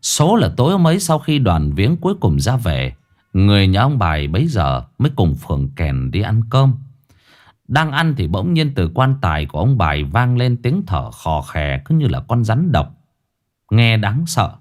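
A male storyteller, telling a ghost story in a low voice. His delivery is dramatic and swings hugely in pitch from line to line. He speaks bluntly and drops in coarse slang. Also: sing-song, moderate pace, a little mellow.

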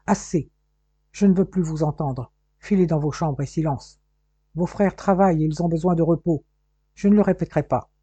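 Woman reading tired strict father, low resigned manner, mellow tone, muffled recording. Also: moderate pace, slightly rough, no room sound. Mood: stern. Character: stern weary father, middle-aged man. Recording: dull, muffled dry recording.

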